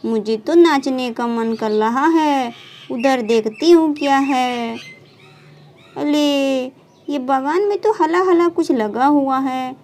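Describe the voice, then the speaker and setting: Little girl , woman doing the voice: high, whiny, stubborn, eager to help. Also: slow, a little mellow, a little hiss or hum.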